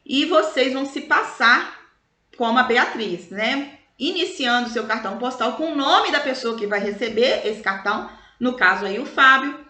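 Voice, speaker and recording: A Brazilian woman teaching schoolchildren in a recorded review lesson, explaining slowly and stretching out example words in a sing-song way. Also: on the high side, expressive, sharp tone. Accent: Brazilian Portuguese. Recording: echoey room.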